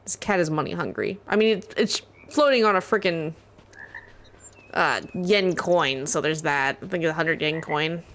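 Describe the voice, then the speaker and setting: A woman's voice: deep voice, a little fast, hardly any pauses, a bit bright. A woman streaming a video game live, chatting casually to herself and her viewers and swearing freely. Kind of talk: live gameplay commentary.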